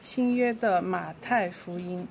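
A woman leading a church service, reading scripture aloud verse by verse in a steady, clear voice. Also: fairly low pitch, slow pace, slight background noise. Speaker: worship leader.

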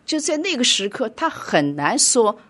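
A middle-aged woman preaching a sermon and telling a personal story, swinging between loud urging and quiet telling. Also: on the high side, sing-song, normal speed.

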